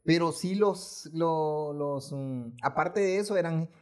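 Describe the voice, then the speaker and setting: A man's voice: a little high, slow, a little mellow. A man, a former funeral home worker, telling a story earnestly in a casual podcast chat and acting out the people he quotes. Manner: earnest, repetitive storytelling, acts out quoted voices.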